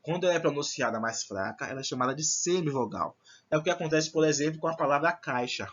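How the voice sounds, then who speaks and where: Bright, husky-voiced male teacher, lo-fi. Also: on the high side, lively intonation, fast talker. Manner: explanatory, checks in with frequent "certo?". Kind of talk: recorded online Portuguese lesson.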